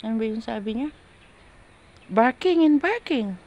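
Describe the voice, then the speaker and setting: Woman mimicking a shouting foreign boss. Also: a little high, lively intonation, a little slow, pitched above the performer's own voice. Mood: exasperated.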